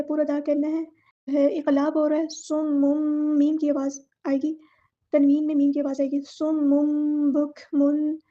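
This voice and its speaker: A woman gives a step-by-step recitation lesson, explaining each sound and then reciting it slowly. Her voice sits high and stays fairly level, with a soft, mellow tone. The recording sounds somewhat dull and lo-fi. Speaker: Quran recitation teacher. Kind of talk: word-by-word tajweed lesson.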